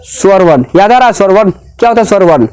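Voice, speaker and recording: A man's voice: sits high, animated, fast talker, darkish tone, clean tone. A man teaching a grammar lesson in a classroom, asking questions again and again and repeating the answers.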